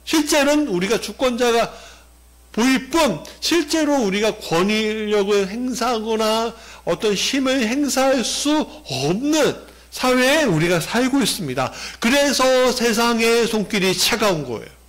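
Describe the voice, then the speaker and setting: Male pastor, sermon delivery; higher than average, animated pitch; explains point by point with questions to the congregation. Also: a little slow.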